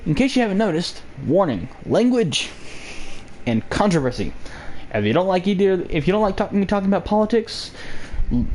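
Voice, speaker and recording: A man's voice: on the high side, a little mellow, slight background noise. A young man hosting his own vlog, rambling through a sarcastic political rant full of jokey asides. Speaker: vlog host.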